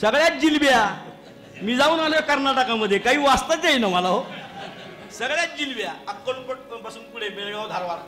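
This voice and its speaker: High, bright-voiced man preaching a kirtan. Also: brisk. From Maharashtra, India. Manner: lively storyteller who addresses the audience directly and chuckles at his own jokes. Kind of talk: humorous storytelling sermon. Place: temple hall, performing live before listeners.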